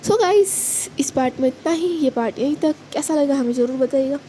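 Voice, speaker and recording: High-voiced woman telling a story. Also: a little fast, slight background noise, poor audio. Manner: calm, plain storytelling, friendly sign-off. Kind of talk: narrating a serial story.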